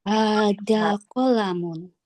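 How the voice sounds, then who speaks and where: A woman student in an online class, answering her teacher slowly and carefully. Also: mid-range voice, a little mellow. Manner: slow careful repeating of answers. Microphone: online call microphone.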